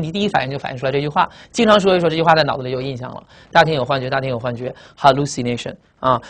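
A man teaching English vocabulary in Mandarin, repeating each word and explaining it with memory tricks and a steady stream of filler sounds. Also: a little high. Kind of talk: recorded vocabulary lesson.

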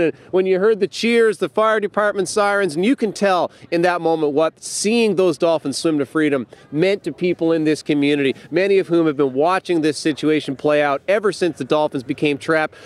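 A male field reporter in his thirties, speaking live on the news from an outdoor harbour. He holds a handheld mic and talks with an energetic, animated delivery in a fairly high voice. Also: no room sound. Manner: energetic, gestures while talking.

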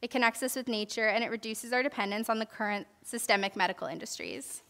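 A young woman presents an informal herbalism class on a church hall stage in a large indoor room, reading from notes, then demonstrating, with many fillers and restarts. Her voice is a little high and a bit bright, at a quick pace.

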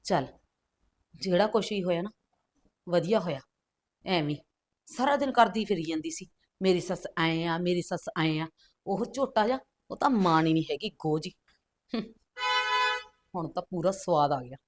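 A woman's voice: fairly low pitch, animated, moderate pace, long pauses, faint music behind. A middle-aged woman acting a scheming mother who eggs her daughter on in a family drama. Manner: scolding, scheming. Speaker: mother of the wife.

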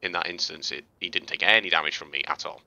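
A man with a low voice and a hard, forceful edge to it talks through gameplay clips in a relaxed, chatty way. He explains as he goes, with plenty of fillers and restarts. The sound is dry and close, with no room around him. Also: fast talker, no room sound, muffled recording. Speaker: gaming video host. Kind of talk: casual gameplay commentary and tutorial.

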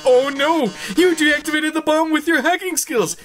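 A woman's voice: high voice, faint music behind, voice pushed up, lightly acted. Woman hamming up a showy robot tv host, drawls darling a lot, all gloaty and dramatic. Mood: mock dismay. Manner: hammy, gloating, drawn-out "darling". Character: flamboyant theatrical male robot TV host.

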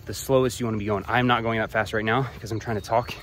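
A man's voice: on the low side, fast talker, a little hiss or hum. Man talking casually while hiking outdoors. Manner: relaxed, profane, talks between breaths while walking. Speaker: vlogger giving hiking tips. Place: outdoors on a rural trail. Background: crickets and insects.

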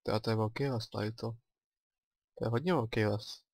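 A Czech-accented man does laid-back let's play commentary, chatting and thinking out loud with bursts of excitement. His voice is fairly low, and the recording is dry.

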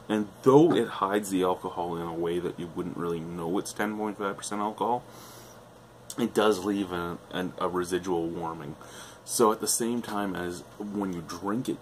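A man's voice: deep voice, normal speed, a little hiss or hum. A middle-aged man reviewing a beer on camera at home, rambling and enthusiastic, swearing freely. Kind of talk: casual beer review vlog. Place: living room at home, indoors.

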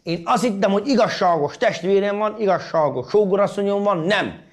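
A man complaining to the camera in a confessional interview about unfair treatment. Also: high voice. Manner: aggrieved, complaining. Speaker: reality show participant.

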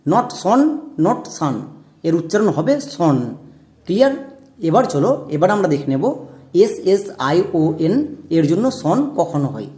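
A man's voice: high voice, dark tone. A man teaching English pronunciation in a classroom-style lesson, spelling out words letter by letter and asking his viewers questions as he explains.

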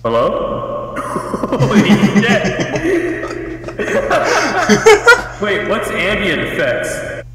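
Indoors at a computer, an excitable young video maker plays with a voice changer whose shifting presets make his pitch swoop around. He talks extremely slowly with long pauses, giggling and blurting things out in casual, joking chat full of swearing.

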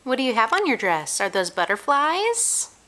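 A woman, a mother, chatting gently in a sing-song way to her toddler, repeating simple questions. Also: a little high, very animated, moderate pace. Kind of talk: casual child-directed chat, gentle questions to a toddler. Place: carpeted room at home. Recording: home camera with clear background noise.

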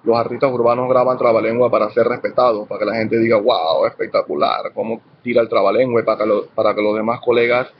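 A man's voice: mid-range voice, level tone, fast, few pauses, slightly rough. Guy explaining rap technique step by step, casual teaching vibe, kinda muffled lo-fi audio. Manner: instructive, lays out points in numbered steps. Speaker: urban music artist teaching rap technique. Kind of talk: casual explanatory video lesson. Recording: slightly dull lo-fi sound with faint noise.

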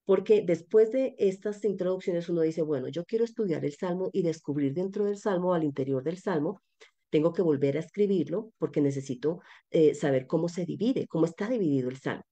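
Low, mellow woman lecturing over webinar audio. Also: a little fast. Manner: explanatory, methodical, with many fillers and restarts. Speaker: biblical studies lecturer. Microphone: webinar call microphone.

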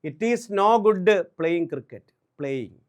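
Brisk high-voiced Malayali man teaching. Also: expressive. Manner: brisk and drilling, repeats English examples slowly. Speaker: English teacher. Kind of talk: exam-prep grammar lesson.

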